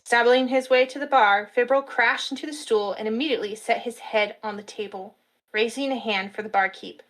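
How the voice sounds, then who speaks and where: A woman narrating a fantasy story in a steady storytelling manner at a live reading. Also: on the high side, a little fast, low-quality recording.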